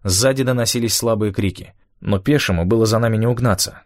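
A man narrating an audiobook in a steady, measured first-person storytelling manner. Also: fairly low pitch, dry recording, studio quality.

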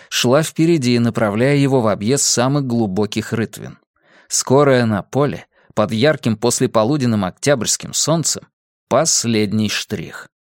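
A man narrating an audiobook with expressive storytelling. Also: medium pitch, no echo, clean studio sound. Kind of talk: scripted narration.

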